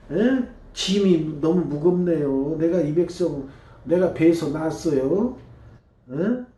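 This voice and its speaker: A man's voice: a little high, warm tone. A man voicing an exhausted male prophet who complains to God and pleads for help. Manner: pleading, complaining, asks for agreement. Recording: echoey church room.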